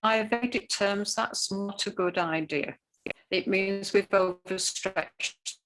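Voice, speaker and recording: A woman's voice: medium pitch, takes it slowly, fairly bright tone, poor audio. A woman who teaches Ayurveda, explaining things earnestly with plenty of fillers during a talk over a video call. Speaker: Ayurveda educator.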